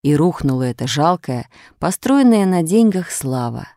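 A woman's voice: sits low, big pitch swings, normal speed, dark tone, no echo. A woman narrating a story, reading it aloud with expression.

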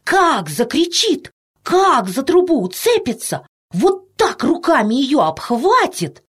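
A woman's voice: high-pitched, pitched above the performer's own voice, full character voice. A woman doing a chattering little red-haired boy. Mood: excited. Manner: excited rapid chatter.

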